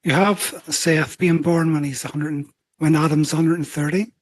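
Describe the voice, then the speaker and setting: A man's voice: a little high, steady tone, moderate pace, dry recording. A man taking part in a Bible study discussion, offering tentative, hedged observations.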